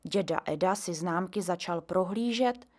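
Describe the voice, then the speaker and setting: A woman narrating a children's story in a calm, soft-spoken way. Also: fairly low pitch.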